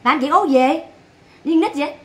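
A woman's voice: high-pitched, moderate pace. A woman with a Southern Vietnamese accent, ranting sarcastically and bluntly on a livestream.

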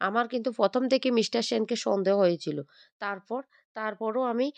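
A woman retells a family drama serial in a rapid, casual storytelling style, slipping into each character's lines without really changing her voice. Her tone is smooth and clear, and she often restarts words and uses fillers. The recording is dry and close, with no room sound. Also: on the high side, dry recording. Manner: reads all characters' lines in much the same voice. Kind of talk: casual storytelling narration with quoted dialogue.

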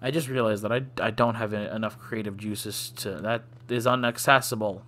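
A man's voice: on the low side, fairly even intonation, moderate pace, bright, forceful tone. A man giving casual let's play commentary, joking and self-deprecating, often sighing. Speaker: gaming channel host.

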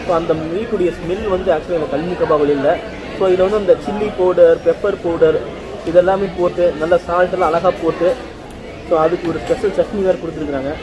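A man's voice: high-pitched, steady tone, racing. A man reviewing food for his vlog in casual, chatty talk, speaking while chewing. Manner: chatty, mixes in English words. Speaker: food vlogger. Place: busy restaurant. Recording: crowd noise in background. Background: diners chatting.

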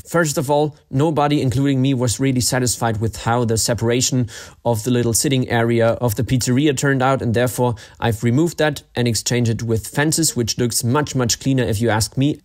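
Man narrating a building vlog. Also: medium pitch. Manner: relaxed, explanatory, chatty asides to viewers. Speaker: LEGO city builder and vlogger. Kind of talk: narrated build update voice-over.

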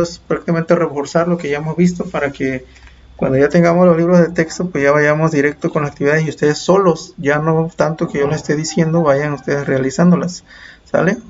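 A Mexican man teaching a primary-school video lesson, explaining patiently and repeating himself, with many fillers. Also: a little high. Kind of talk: video tutorial for students. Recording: dull lo-fi with faint background noise.

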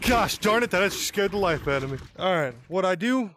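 Excitable high-voiced male gamer. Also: moderate pace, very noisy. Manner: excitable, jokey, talks to game characters. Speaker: gaming streamer. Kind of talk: casual gameplay commentary.

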